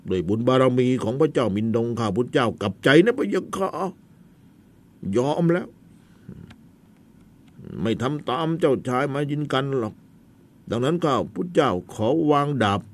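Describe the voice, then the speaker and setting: A man's voice: a little high, voice pushed up, lightly acted. Man playing a humble repentant assassin. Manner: humble, pleading court speech. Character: repentant male assassin pleading before a king.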